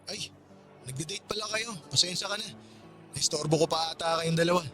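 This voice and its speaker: High-pitched friendly male buddy, acted by a man. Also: brisk, over music, natural voice. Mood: apologetic. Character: friendly, apologetic, inviting male buddy on the phone. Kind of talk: Tagalog radio drama acting.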